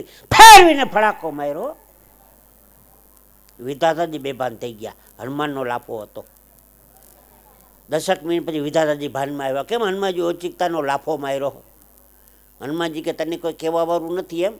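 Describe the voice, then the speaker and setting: Lively comic storyteller man. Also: fairly high pitch. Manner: acts out characters in raised voices, slows for punchlines. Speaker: folk comedian storyteller. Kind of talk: live comic storytelling to an audience.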